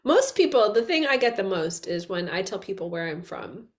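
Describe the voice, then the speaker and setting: A woman's voice: medium pitch, big pitch swings, normal speed. A woman from Long Island co-hosts a podcast in a loose, teasing way. She talks in easy conversation and laughs often. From Long Island, New York. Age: young adult to middle-aged, a mother. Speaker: podcast co-host. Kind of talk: casual conversation.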